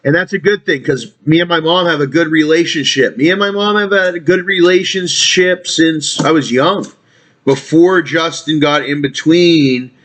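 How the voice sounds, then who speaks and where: A man's voice: on the high side, normal speed, a bit bright. A man talking in a rambling casual monologue, trailing off and restarting, swearing casually. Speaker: vlogger.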